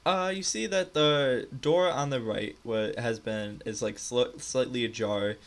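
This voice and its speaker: A man's voice: medium pitch, measured pace, creaky. A young man narrating as game master in a live tabletop game, loose and rambling with lots of fillers.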